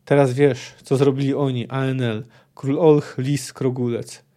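A man voicing an ancient, wise unicorn in a grave, measured audiobook-style reading. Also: medium pitch, little pitch movement, mellow, lightly acted. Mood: solemn.

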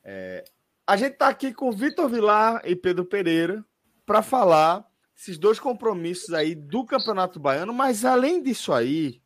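A man's voice: high voice, sing-song, unhurried, a bit bright. A man casually hosting a live sports show in informal, slangy speech. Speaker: host.

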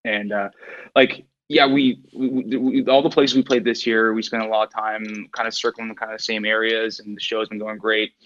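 Man, touring musician guest, relaxed and rambling, slightly muffled recording. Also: lowish voice, normal speed. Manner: laid-back, rambling, laughs easily. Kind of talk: casual chat. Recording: dull lo-fi sound.

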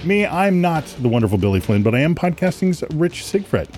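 A man's voice: fairly high pitch, very animated, brisk, a little mellow, faint music behind. A man hosting a live podcast, reading out date trivia and slipping in corny jokes and puns. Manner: jokey, punny asides. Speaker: podcast host.

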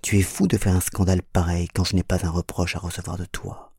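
A man's voice: low voice, little pitch movement, brisk, vocal fry, darkish tone, husky, dry recording, studio quality, full character voice. A man doing a proud, mocking young woman. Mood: defiant. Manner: mocking, defiant. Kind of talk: audiobook reading.

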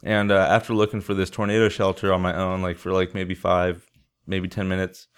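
Here the same kind of San Diego podcast co-host talks a little fast in a low, clear, resonant voice. He's casually telling a story, cursing freely, using slang, and performing other people's lines with lively energy.

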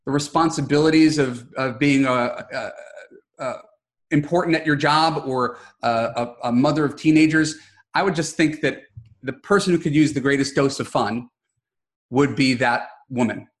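A man's voice: mid-range voice, normal speed. A man in his forties hosting a podcast interview, chatty and often repeating words as he starts a sentence. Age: 40s. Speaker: podcast host. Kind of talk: casual interview chat.

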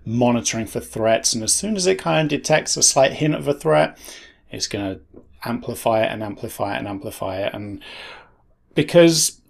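A man's voice: medium pitch, expressive, moderate pace, gravelly. A man in casual conversation, explaining sleep struggles in a thoughtful way with rhetorical questions.

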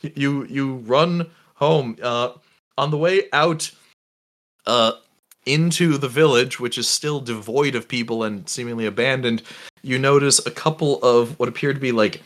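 A man narrating a tabletop game as game master, relaxed and halting, with many fillers and restarts. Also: medium pitch.

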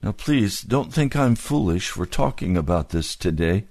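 A man preaching a sermon as a pastor. He tells the story slowly and deliberately, pausing to explain each point. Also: low-pitched, animated, darkish tone, dry recording, studio quality.

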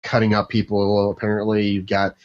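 A man's voice: lowish voice, monotone, brisk. A man hosting a casual TV chat, rambling with many fillers and restarts. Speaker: podcast host. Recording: dull lo-fi sound.

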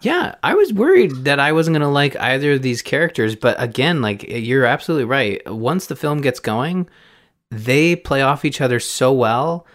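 A man's voice: mid-range voice, very animated, normal speed, a bit bright. A Canadian man hosting a film podcast, chatting casually with chuckles and many restarts. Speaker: podcast host.

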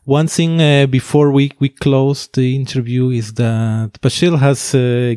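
Man hosting, mellow and halting. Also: medium pitch, clear, resonant tone, no room sound, studio quality. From Finland. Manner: halting, many fillers and restarts. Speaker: podcast host. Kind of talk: interview conversation.

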